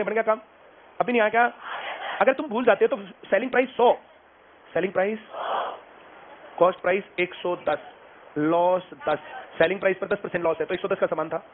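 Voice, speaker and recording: A man teaching a maths class. He keeps asking the students whether they have understood. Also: sits high. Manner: drilling, asks students if they understood again and again. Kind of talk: classroom lecture. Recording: lo-fi phone-like sound, classroom noise behind.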